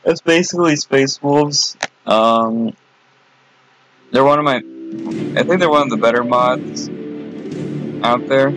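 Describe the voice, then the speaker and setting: A man's voice: mid-range voice, fairly bright tone, low-quality recording. A man with a stuffed-up, nasal voice giving casual gameplay commentary, hesitating often with filler sounds. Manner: hesitant, many filler pauses. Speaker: gaming video creator. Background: game music.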